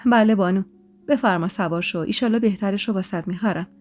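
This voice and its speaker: A playful young husband who teases and banters, and who turns jealous easily, as a woman storyteller voices him. His voice is mellow and warm, sits at a middle pitch, and has soft music underneath. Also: natural voice. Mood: teasing. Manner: teasing, bantering. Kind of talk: storytelling podcast. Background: faint music.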